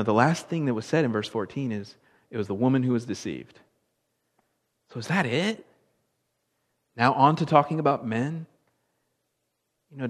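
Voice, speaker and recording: A male pastor preaching a sermon, animated, with big swings in loudness and drawn-out words for emphasis. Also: mid-range voice. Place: church worship hall. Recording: long reverb of a large hall.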